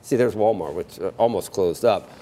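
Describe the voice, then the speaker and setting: A man's voice: fairly low pitch, normal speed, dark tone. Rambling American male market commentator. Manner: rambling, digressive, repeats and breaks off phrases. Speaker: financial news co-anchor. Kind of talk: unscripted market chat and commentary.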